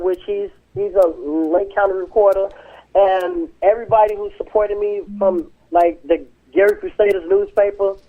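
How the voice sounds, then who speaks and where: A young man calls in over a thin, tinny phone line. His voice is high for a man. He talks haltingly and rambles, stopping often to search for words. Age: 20s. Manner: hesitant, rambling with fillers. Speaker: musician calling in. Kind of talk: casual phone interview. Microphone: telephone.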